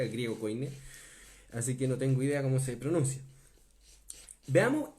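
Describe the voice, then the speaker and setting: Man, preacher, Bible teaching, slightly high pitch, emphatic, checks in with listeners. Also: darkish tone. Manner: asks the listeners to confirm often; emphatic on key words, slowing down.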